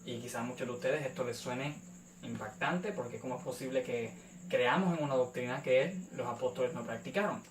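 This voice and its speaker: Young Puerto Rican male host, deliberate and hesitant delivery, distant mic in an echoey room. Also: mid-range voice, noisy background. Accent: Puerto Rican Spanish. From Puerto Rico. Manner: measured, frequent "eh" fillers. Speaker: YouTube channel host. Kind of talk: apologetics response video.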